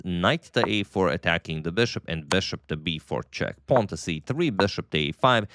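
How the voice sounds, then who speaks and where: A man doing move-by-move chess commentary in a hesitant delivery full of drawn-out uhs. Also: low voice, fairly bright tone, clean tone, no room sound, clean studio sound.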